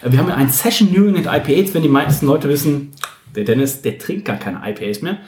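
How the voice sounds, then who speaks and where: A man's voice: a little high, animated, quick pace, a little mellow. Chatty joking man in an echoey room. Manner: jokey, chatty, laughs often. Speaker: podcast host rating beers. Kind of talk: casual chat. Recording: echoey room, faint noise.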